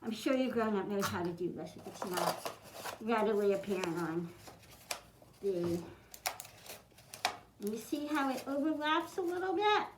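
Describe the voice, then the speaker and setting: A woman demonstrates a craft for children, giving simple, encouraging step-by-step instructions. Her mid-range voice has lively intonation and a slightly slow pace with long pauses, in a roomy, echoey recording that's clearly noisy with clicking.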